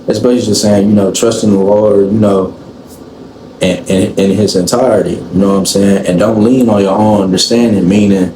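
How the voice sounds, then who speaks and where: A man in his twenties hosting a casual podcast chat, explaining things slowly and often asking "you know what I'm saying". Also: fairly low pitch, steady tone, warm tone. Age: 20s. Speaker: podcast host. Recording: echoey room, faint room noise.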